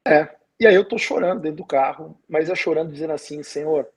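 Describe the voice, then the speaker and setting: Husky Brazilian pastor telling his story. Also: a little high, quick pace. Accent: Brazilian Portuguese. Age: adult with a wife. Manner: storytelling, acting out dialogue. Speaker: pastor and podcast guest. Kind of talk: personal testimony in a podcast conversation.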